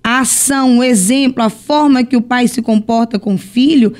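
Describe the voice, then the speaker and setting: A woman's voice: on the high side, normal speed, a little mellow. A woman with a Brazilian accent, a church bishop on a podcast, explaining her teaching and retelling stories with quoted lines. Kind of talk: teaching, religious podcast talk.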